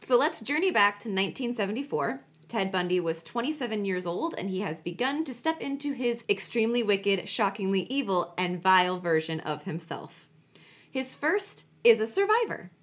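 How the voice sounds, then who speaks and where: A woman with a medium-pitched voice co-hosts a true crime podcast. She tells stories conversationally and stresses her points by repeating words. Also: sing-song, moderate pace. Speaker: podcast co-host. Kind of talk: chatty true crime storytelling.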